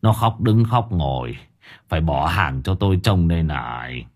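A man's voice: very deep voice, lively intonation, normal speed, a little mellow, pitched below the performer's own voice. A man putting on a whining old market vendor. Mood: bitter. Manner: whining, lamenting, cursing coarsely. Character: fretful old male market vendor, rustic.

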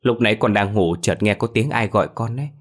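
A man's voice: lowish voice, fast, close to an everyday voice. A man voicing a frightened little village boy who screams and pleads. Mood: pleading. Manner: panicked screaming.

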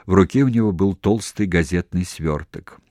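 Male audiobook narrator, deep, dry close recording. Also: normal speed, darkish tone, no echo. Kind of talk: scripted narration.

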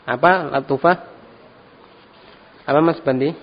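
A middle-aged man leads a class, easygoing and encouraging, often tagging his phrases with a soft "ya". His voice sits at an everyday middle pitch. The recording is dull and muffled, with a long hall reverb and a faint hum of room noise behind him. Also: unhurried. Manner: relaxed and encouraging, tags phrases with "ya". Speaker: Arabic teacher, religious instructor. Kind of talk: classroom lesson.

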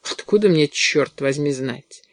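A man reading an audiobook, voicing a furious, sharp-tongued woman talent agent who snaps and scorns. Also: a little high, measured pace, dry recording, studio quality. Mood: bitter. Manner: snapping, scornful.

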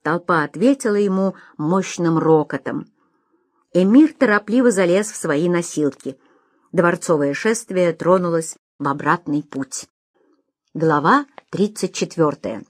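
A woman narrating a storybook in an even, measured reading. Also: on the low side, no room sound. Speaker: audiobook narrator. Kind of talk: scripted narration.

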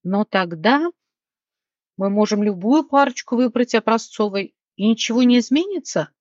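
A woman's voice: on the high side, animated, moderate pace, darkish tone, no echo, highs cut off, close to an everyday voice. A woman voicing a stern, indignant king in an audiobook. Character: irritable, imperious male king.

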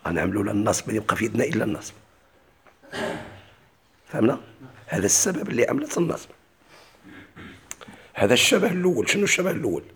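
A man's voice: medium pitch, gravelly, a bit bright. A man with a Moroccan Arabic accent teaching a classical grammar lesson. He keeps asking his class questions and then answering them himself.

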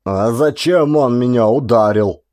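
A panicked young soldier shrieks and wails in a high, strained voice, as a male audiobook narrator puts him on. The lines stretch out into slow, tearful howls, and the recording is dry and close. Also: bright, forceful tone, dry recording. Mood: panicky wailing. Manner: wailing, shrill and drawn out. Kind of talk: audiobook character voice.

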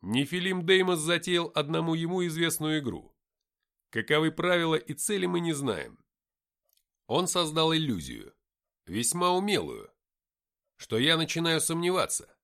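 A man reading a first-person adventure audiobook, with lively, dry-humored storytelling. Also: a little high, moderate pace. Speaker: audiobook narrator.

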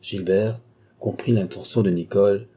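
A man reading an audiobook of a classic novel in a measured, even narration. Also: fairly low pitch, breathy edge. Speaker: audiobook reader. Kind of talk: scripted narration.

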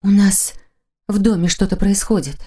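A woman voicing an anxious young woman in an audiobook. She speaks in a hushed, urgent way. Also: medium pitch, moderate pace, husky, close to an everyday voice. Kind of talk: audiobook character voice.

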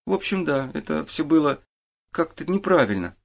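A man's voice: a little high, very animated, normal speed, creaky, pitched above the performer's own voice, exaggerated voice. A man reading an audiobook, voicing a sullen teenage boy who answers in grudging mumbles. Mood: explaining. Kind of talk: audiobook character voice.

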